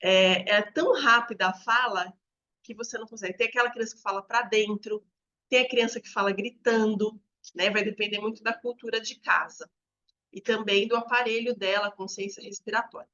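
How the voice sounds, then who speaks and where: A woman's voice: mid-range voice, fairly even intonation, a little fast, bright, forceful tone, dull audio. A woman educator, explaining to teachers and demonstrating examples aloud.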